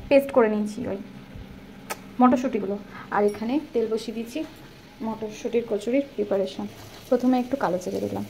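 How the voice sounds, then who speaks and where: A woman's voice: fairly high pitch, mellow, slight background noise, low-quality recording. A woman in her thirties chatting through a casual home vlog, rambling and correcting herself as she goes. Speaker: vlogger. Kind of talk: casual daily vlog narration. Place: home kitchen and rooftop.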